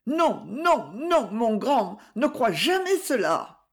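A woman's voice: on the high side, sing-song, slow, slightly rough, voice pushed up, heavily acted. A reader voicing a pleading, insistent aristocratic mother in an audiobook. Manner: imploring, tenderly persuasive.

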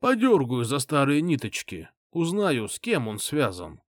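Shrewd older man, slow deliberate speech, voiced by a male narrator, audiobook, dry sound. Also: mid-range voice, huge pitch swings, no echo. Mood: measured.

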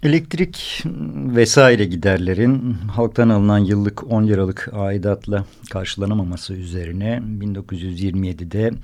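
A man hosting a radio programme, narrating from notes in halting, hesitant phrases. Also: on the low side, a little mellow. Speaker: radio host. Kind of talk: semi-scripted radio narration.

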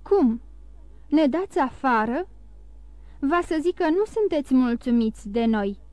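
A woman's voice: high-pitched, lively intonation, a little mellow, dry recording. A woman voicing a blunt, loyal old sailor who talks plainly and earnestly in a storybook reading. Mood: shocked.

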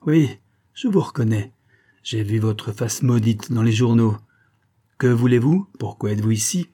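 A man voicing a furious, quick-tempered middle-aged gentleman who shouts and seethes in a storybook reading. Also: medium pitch, husky, close to an everyday voice.

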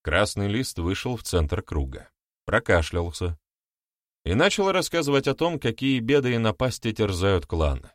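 A man narrating an audiobook in an expressive storytelling manner. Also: lowish voice, normal speed, no room sound, studio quality. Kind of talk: scripted narration.

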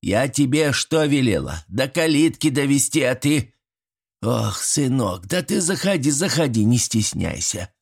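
A man's voice: mid-range voice, big pitch swings, normal speed, few pauses, voice pushed up. A man voicing a bossy old village grandmother who scolds and fusses in rustic, folksy speech.

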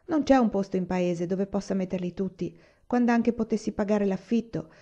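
A man's voice: sits high, moderate pace, dark tone. A woman voicing a stubborn, plain-spoken homesteader man, in a slightly dull lo-fi recording. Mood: firm.

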